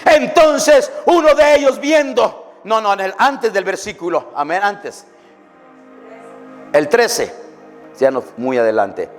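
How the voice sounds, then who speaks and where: A man preaches a fervent sermon in a high, piercing voice, often breaking into shouts of praise. His voice rings through a church hall with a long reverb. Soft music plays faintly behind him. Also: lively intonation, slow. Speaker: pastor.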